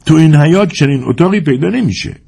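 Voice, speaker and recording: A man's voice: fairly high pitch, lively intonation, creaky, mellow, slightly rough, voice pushed up, heavily acted. Male narrator as a sly, dismissive yard worker in an audiobook, raised voice, teasing. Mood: mocking. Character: wrinkled young Tatar yard worker, mocking and evasive.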